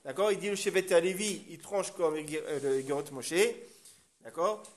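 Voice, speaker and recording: A man's voice: on the high side, normal speed. A man teaching a religious class, explaining step by step and often checking that the class follows. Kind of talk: Torah class lecture.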